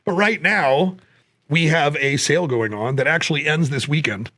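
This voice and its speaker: A man's voice: on the high side, normal speed, bright, forceful tone, dry recording. A man co-hosting a casual podcast, joking and rambling, then plugging gear sales into a close mic. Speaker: podcast co-host. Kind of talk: casual chat.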